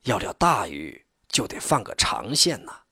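A man voicing a calm, shrewd district chief who talks patiently. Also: on the low side, measured pace, slightly rough, no room sound, clean studio sound, heavily acted.

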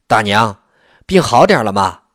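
Worried poor farmer guy, narrator voicing him, husky and low, asks straight questions. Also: sing-song, measured pace, a bit bright, no room sound, clean studio sound, heavily acted. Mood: earnest. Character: poor middle-aged peasant man, wary but warm.

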